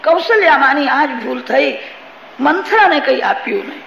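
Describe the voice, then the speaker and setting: High gravelly-voiced male preacher. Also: lively intonation, moderate pace, fairly bright tone, highs cut off, a little hiss or hum. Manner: storytelling with moral asides to the audience. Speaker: religious storyteller. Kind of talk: devotional scripture storytelling sermon. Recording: live hall recording, reverberant.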